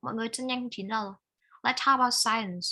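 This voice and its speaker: A woman with a Vietnamese accent teaching an online English speaking lesson, correcting pronunciation in a brisk, corrective manner. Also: on the high side, steady tone, bright, forceful tone, rough recording.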